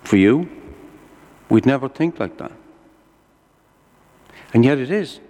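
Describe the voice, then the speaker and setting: Lilting male preacher, deep voice, echoing hall. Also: animated, slow, dark tone. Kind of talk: sermon with storytelling and everyday examples. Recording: echoey hall with long reverb.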